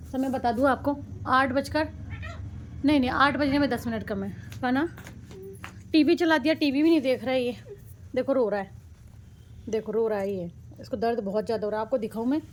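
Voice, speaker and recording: A mother chats casually through a family vlog, talking straight to viewers as she cooks. Her voice is high, with slight background noise.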